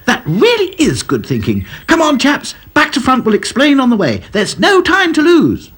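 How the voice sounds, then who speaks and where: Man doing a rag doll girl, very high, squeaky, eager, spirited, storybook. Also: huge pitch swings, moderate pace, husky, exaggerated voice.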